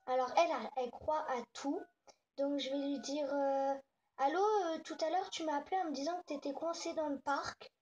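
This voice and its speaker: A young girl, a child or young teen, hosts prank calls, chatting casually in slangy, improvised speech as she thinks aloud. Her female voice sits high, with a steady, slightly mellow tone at normal speed, in a dull lo-fi home recording with slight background noise.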